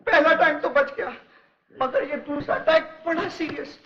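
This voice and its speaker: An actor playing a bumbling comic doctor who speaks with broken grammar, in an old film. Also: male voice, extremely high pitch, normal speed, fairly bright tone. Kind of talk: 1970s film comedy acting. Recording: dull echoey old film soundtrack.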